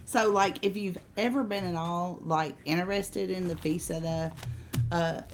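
A woman with a fairly low voice gives church announcements as a co-host. She is informal and conversational, and there is some faint noise in the recording. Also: fairly even intonation, measured pace. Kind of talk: casual announcement chat.

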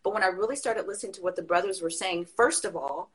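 A woman's voice: medium pitch, quick pace. A woman talking passionately in a casual conversation, telling stories and laughing as she makes her point. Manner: passionate, animated storytelling with laughs. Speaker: guest.

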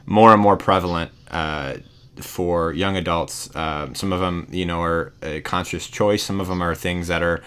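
A man's voice: deep voice, fairly even intonation, moderate pace, fairly bright tone, clean tone. A man hosting an interview, asking long questions in a hesitant way with many fillers. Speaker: podcast host.

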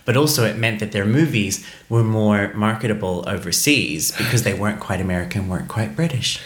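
A man co-hosting a casual podcast chat, animated and quick to laugh, often jumping up in pitch when excited. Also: roomy sound. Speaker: podcast co-host.

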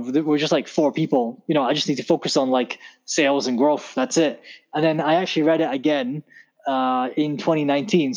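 On a podcast, a Scottish tech founder in his thirties tells stories in a relaxed interview, rambling with lots of fillers and restarts. His voice is on the high side and a little mellow. The recording has its highs cut off.

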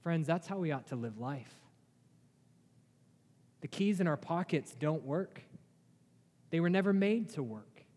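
A man's voice: on the high side, expressive, measured pace, pauses often, a little mellow. A male pastor preaching a sermon, earnest, with rhetorical questions and emphatic rises in his delivery. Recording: long hall reverb.

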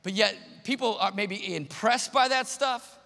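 A man's voice: high voice, measured pace, creaky, pushed and bright. A male pastor preaching a sermon, telling a personal story in an earnest way, repeating his key phrases and acting out the people he quotes. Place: church auditorium. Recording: long hall reverb.

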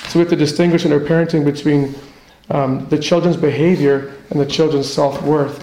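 Brief: man, pastor, conversational sermon, warm dark tone, somewhat raised pitch. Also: slight background noise. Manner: earnest, conversational teaching with personal stories. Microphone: handheld microphone. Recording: echoey hall.

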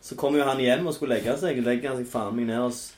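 A man's voice: medium pitch, fairly even intonation, a little mellow. A man casually telling crude anecdotes on a podcast, swearing freely and animatedly as he goes. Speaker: podcast host. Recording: echoey room with faint noise.

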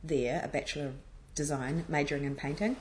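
A woman's voice: low voice, fairly even intonation, fairly quick. A New Zealand woman in her thirties chatting casually as an interview guest. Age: 30s. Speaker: interview guest, street artist. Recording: echoey room with clear background noise.

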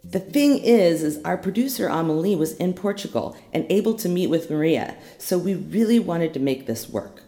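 A woman's voice: on the low side, lively intonation, normal speed, mellow. A woman hosting an interview podcast, with a hungover morning voice. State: hungover morning voice after a night of drinking. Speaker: podcast host.

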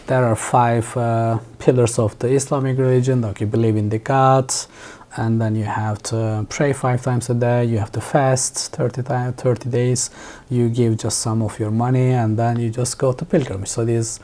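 Turkish-accented man, mellow voice. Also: mid-range voice, flat delivery, normal speed. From Turkey. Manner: thoughtful, many restarts and fillers. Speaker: podcast guest, author. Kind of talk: casual interview chat.

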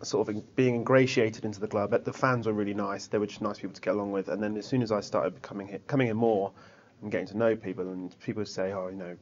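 Fairly low-voiced, earnest man. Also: fairly even intonation, fast, hardly any pauses. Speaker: football club volunteer and podcast guest. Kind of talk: casual chat. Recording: slightly dull, lo-fi sound.

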